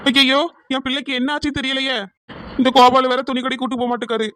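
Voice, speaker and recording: A woman's voice: high-pitched, level tone, fast. A woman voicing a scheming housewife. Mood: fake wailing. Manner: loud, fussing, fakes panic to get her way. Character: scheming village housewife, dramatic and wheedling. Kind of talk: cartoon comedy dubbing.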